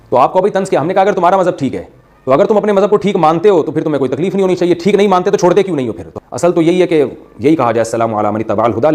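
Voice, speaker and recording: A man answers a religious question as an Islamic scholar, working through the reasoning in a measured way and offering his own view. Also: a little high, a little mellow. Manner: measured, reasoning aloud, offers a personal opinion.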